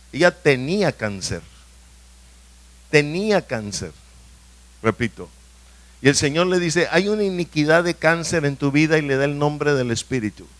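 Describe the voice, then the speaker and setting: Male pastor, somewhat high voice, emphatic sermon delivery in a church hall. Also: a bit bright. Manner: emphatic, asks the congregation questions often.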